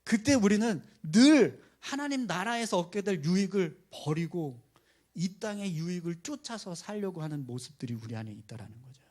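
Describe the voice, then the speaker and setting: Higher-voiced man preaching a sermon. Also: moderate pace. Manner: colloquial storytelling, animated emphasis. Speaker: pastor.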